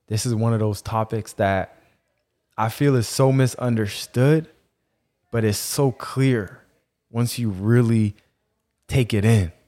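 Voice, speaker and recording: A man's voice: mid-range voice, darkish tone. A man hosting a podcast in an earnest motivational spiritual monologue, using Rasta-style turns of phrase and repeating key phrases for emphasis. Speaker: podcast host.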